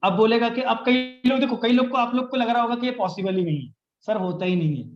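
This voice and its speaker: A young man with a fairly high voice leads a live online sales training. He coaches with energy and switches into quick sample conversations. His voice sounds roomy and a little dull, like live-stream audio. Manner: energetic, coaching, acts out both sides of sample chats.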